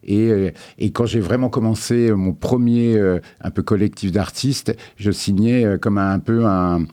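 Man, low voice, mellow tone, hesitant, filler sounds, casual interview guest. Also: steady tone, moderate pace. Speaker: guest artist.

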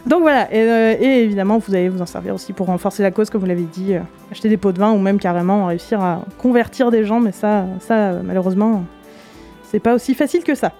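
Fast-talking French woman radio co-host. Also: medium pitch, warm tone. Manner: chatty, hesitant with many fillers, laughs easily. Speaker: radio show co-host presenting a board game. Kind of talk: casual radio chat. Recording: radio studio with faint music behind.

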